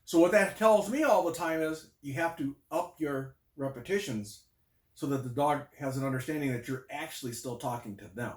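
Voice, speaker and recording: A man's voice: a little high, moderate pace. A man who trains dogs, explaining scent work in a folksy, casual way. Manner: folksy, talks to a dog with firm short commands. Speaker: dog trainer. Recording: roomy echo, voice heard from afar.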